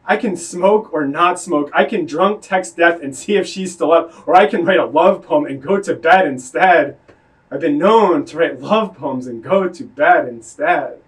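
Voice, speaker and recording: A man's voice: a little high, a little slow, recorded from a distance. A man performing his own spoken word poetry live, with an earnest, confessional delivery.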